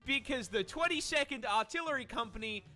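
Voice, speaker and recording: A man's voice: extremely high pitch, expressive, fairly quick, pushed and bright. A man reading scripted comedic narration with irreverent, sweary, theatrical emphasis. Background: music under the voice.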